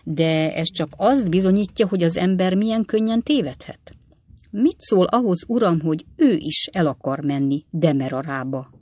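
A reader voicing a cynical, flippant young male law clerk who talks in a mocking, offhand way with swooping pitch, read in a dry studio. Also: lively intonation, darkish tone, dry recording, natural voice.

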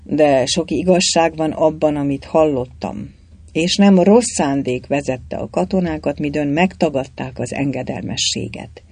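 Reader playing a dignified old count, measured, husky, dry sound. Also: male voice, a little high, a little mellow, no echo. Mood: grave. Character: stern older nobleman, a count.

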